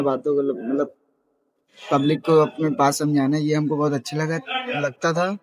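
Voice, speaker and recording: A young man with a tells a rambling school anecdote for his vlog, acting out what others said. His voice sits a little high, and faint music plays underneath. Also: no echo. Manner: rambling, animated retelling with acted-out quotes. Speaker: vlogger. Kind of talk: casual storytelling vlog.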